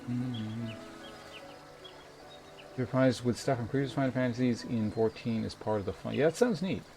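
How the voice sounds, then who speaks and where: At normal speed and in a mid-range voice, a man chats casually with viewers while streaming a game. He's polite and rambling, thinking aloud as he reads their messages, with music playing behind his voice.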